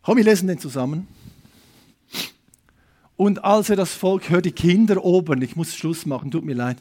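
A man preaching an evangelistic sermon, making emphatic appeals, asking the audience direct questions, and swinging between loud calls and quiet asides. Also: high-pitched, moderate pace. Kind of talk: lively sermon to a congregation.

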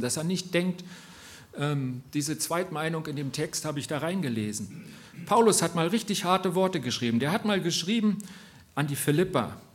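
Male preacher, fairly high voice, earnest sermon delivery, direct questions to the congregation, emphatic peaks and quiet drops.

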